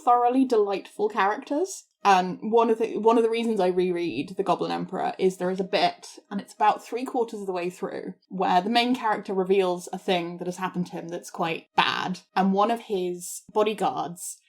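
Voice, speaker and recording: A woman's voice: mid-range voice, normal speed, hardly any pauses. A woman guest on a casual book podcast, retelling a favorite scene with enthusiasm.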